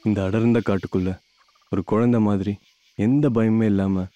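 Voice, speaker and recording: Actor as a gentle, protective young hero. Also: male voice, lowish voice, fairly even intonation, moderate pace, lightly acted. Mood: tender. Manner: soothing, earnest. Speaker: hero of a film. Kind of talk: film drama acting. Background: loud film score.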